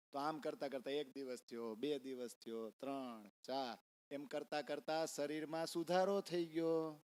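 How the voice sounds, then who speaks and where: Animated man preaching. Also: a little high. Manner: animated, acts out the voices in the story. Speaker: religious discourse speaker. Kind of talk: storytelling sermon. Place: temple hall.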